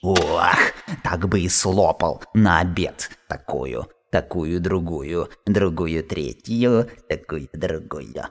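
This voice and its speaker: A man's voice: deep voice, slow. A man playing a greedy, grumbling giant spider spy in a comic radio play, muttering and repeating himself. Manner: muttering, repetitive, swooping.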